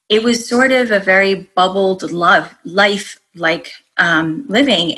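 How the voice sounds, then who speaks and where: A woman's voice: fairly low pitch, sharp tone, low-quality recording. A woman from Colombia, raised in Rhode Island, speaking as a life coach guest on a podcast and telling her story in a bubbly, reflective way. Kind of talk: casual interview chat.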